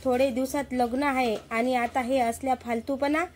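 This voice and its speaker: A woman's voice: high voice, steady tone, normal speed, darkish tone, a little hiss or hum, close to an everyday voice. A woman voicing an angry, strict father who harshly scolds his son in a storybook tale. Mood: furious.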